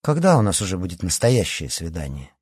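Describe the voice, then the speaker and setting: A man voicing a vain, pushy teenage girl in an audiobook, speaking high and loud. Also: very animated, brisk, slightly rough, no room sound, clean studio sound, heavily acted. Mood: demanding. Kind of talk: audiobook character voice.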